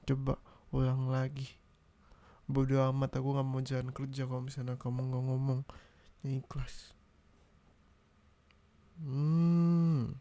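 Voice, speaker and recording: A man's voice: medium pitch, warm tone. A young man doing an ASMR boyfriend role-play, talking in a pouty, nagging way close to the mic. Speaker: ASMR roleplay creator.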